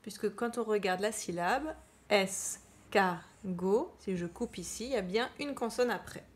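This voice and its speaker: A woman teacher giving children a slow spelling dictation, repeating each word and spelling it out. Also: mid-range voice. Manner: slow, deliberate, spells out words and repeats them. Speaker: primary school teacher.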